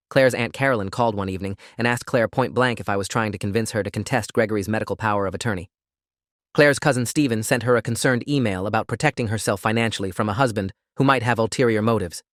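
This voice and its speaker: A man reads a first-person story aloud at a brisk clip, his voice sitting low. The delivery stays steady and even throughout, recorded close and dry with no room around it. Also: no room sound. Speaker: narrator.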